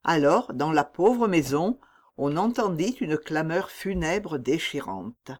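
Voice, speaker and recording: A man narrating a classic novel as an audiobook, with a measured, dramatic reading. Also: fairly high pitch, expressive.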